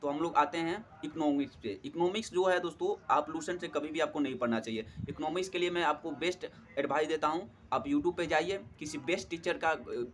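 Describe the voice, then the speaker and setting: A man's voice: on the high side, a little fast, few pauses, fairly bright tone, slight background noise. A young man giving friendly, casual study advice as a tutor, often addressing listeners as friends and using many fillers. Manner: friendly, repeats "theek hai doston", many fillers. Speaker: exam prep tutor.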